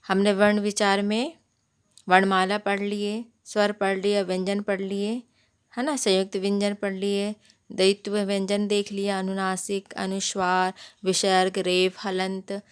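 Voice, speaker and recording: Woman teacher, unhurried delivery, smooth clear voice, patient step-by-step grammar lesson with check questions. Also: mid-range voice. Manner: slow, explaining step by step with repeated check questions. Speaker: primary school teacher. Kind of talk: Hindi grammar lesson for children.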